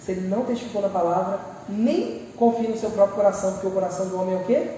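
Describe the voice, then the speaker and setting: A woman with a Brazilian accent preaching a lively sermon and acting out people's prayers with humorous asides. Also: mid-range voice, very fast, a little hiss or hum. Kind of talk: church sermon. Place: large church hall. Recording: echoey church hall, mic far off.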